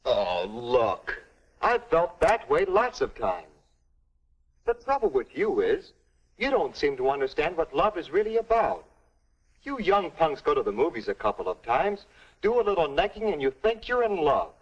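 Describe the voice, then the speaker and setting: An actor playing a cocky young American older brother in a stagy 1950s educational film, with an emphatic, lecturing way of talking. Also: male voice, fairly high pitch, very animated, normal speed. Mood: scornful. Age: young adult. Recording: dull old film soundtrack.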